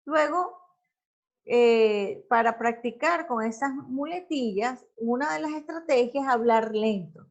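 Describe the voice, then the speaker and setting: A woman teaching a recorded class lecture, explaining slowly and checking in with the listeners often. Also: on the high side, lo-fi sound.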